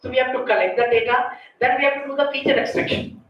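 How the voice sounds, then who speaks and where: This is a high-voiced woman with an Indian accent, lecturing on a technical subject at a conference in a steady tone and at a quick pace. Her explanations go step by step and are punctuated by checks like "right?" and "okay." The recording, made from a distant mic in a very echoey room, has faint noise and cut-off highs.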